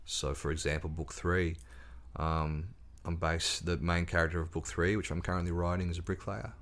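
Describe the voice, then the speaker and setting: Deep-voiced author telling stories. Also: male voice, moderate pace. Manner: storytelling, relaxed, with fillers and restarts. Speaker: author and podcast guest. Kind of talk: casual interview chat.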